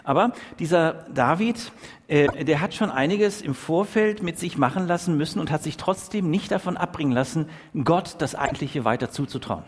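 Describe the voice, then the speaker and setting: A man with a somewhat high voice preaches a sermon in a church hall, and his words ring out with a long echo. He reads scripture in a measured way, then carries on with lively, emphatic remarks. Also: breathy edge. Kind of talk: sermon with Bible reading.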